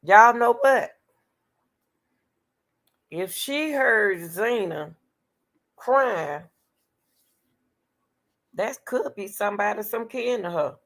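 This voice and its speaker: A woman's voice: mid-range voice, extremely slow, pauses often. A woman hosting casual true-crime commentary, reading case details aloud and breaking off to question them and talk straight to her viewers. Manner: animated, talks straight to the audience, exclaims and questions; breaks off reading to argue with the material.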